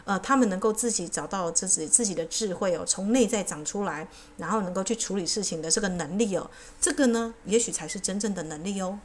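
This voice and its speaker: A woman with a Taiwanese Mandarin accent earnestly sharing a book, ending her phrases with a soft drawn-out particle. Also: medium pitch. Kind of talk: casual book sharing with read-aloud passages.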